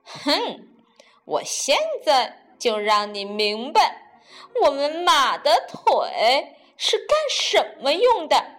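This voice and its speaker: A woman's voice: high-pitched, sing-song, slow pace, fairly bright tone, faint music behind, exaggerated voice. A woman doing a huffy, stern mother horse.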